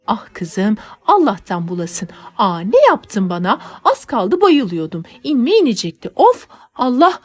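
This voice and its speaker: A woman's voice: a little high, big pitch swings, measured pace, hardly any pauses. Woman playing an old nanny, fussy, motherly, exclaiming, storybook. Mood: fussing.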